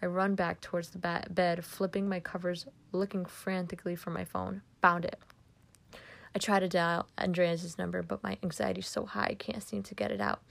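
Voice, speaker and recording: A woman's voice: on the low side, little pitch movement, normal speed, gravelly, no room sound. A woman reading a first-person dramatic story aloud, dropping to whispers at tense moments.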